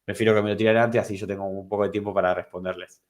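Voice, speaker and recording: A man with an Argentine Spanish accent runs an online programming class, talking rapidly in a fairly low, flat voice. He explains things step by step, often repeating himself or restarting, and keeps asking whether his students are following.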